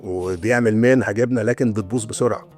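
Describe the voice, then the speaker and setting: An Egyptian man in his sixties speaks quickly in a fairly low voice. He explains his old trade at length in a relaxed interview, pausing and restarting his sentences. Faint music sits underneath. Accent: Egyptian Arabic. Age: 60s. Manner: storytelling, explaining with many hesitations and restarts. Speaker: guest, retired antiquities restorer. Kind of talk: casual interview talk.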